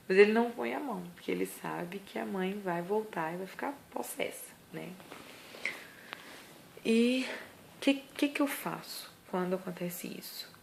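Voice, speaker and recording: A woman's voice: mid-range voice, gravelly, darkish tone, a little hiss or hum. A woman with a Brazilian accent, a mother giving parenting advice in a casual vlog, earnest and emphatic. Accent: Brazilian Portuguese. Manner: earnest, emphatic, acts out scolding lines.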